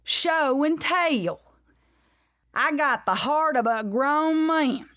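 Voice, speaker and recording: A woman voicing a boastful young schoolgirl bully who brags in a slow, drawn-out drawl. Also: high voice, expressive, a bit bright, no room sound, studio quality, pitched above the performer's own voice, heavily acted. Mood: bragging.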